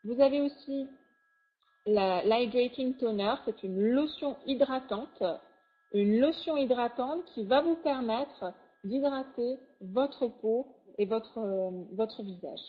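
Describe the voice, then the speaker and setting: A woman with a fairly high voice gives an eager sales pitch over a slideshow, piling on superlatives. The audio is thin and tinny, as if over a phone line. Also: slow pace. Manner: enthusiastic, heavy on superlatives. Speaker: product presenter.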